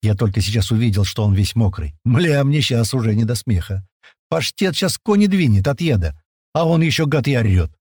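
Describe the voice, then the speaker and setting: A man's voice: mid-range voice, lively intonation, moderate pace, a little mellow, breathy edge, dry recording, studio quality. A man reading a first-person adventure story in a colloquial, storytelling way. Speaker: narrator. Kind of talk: first-person audiobook narration.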